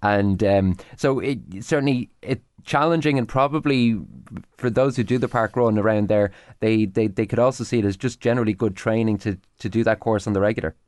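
A man's voice: on the low side, a little fast, a little mellow, no room sound, clean studio sound. A man with an Irish accent hosting an interview show, unscripted, with wordy, hesitant, meandering phrasing. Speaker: radio show host.

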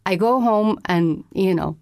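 A woman's voice: medium pitch, unhurried, a little mellow, no room sound. A woman from Malta with a Maltese accent, speaking as a fitness instructor in a casual studio interview. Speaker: Zumba instructor, interview guest. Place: radio studio.

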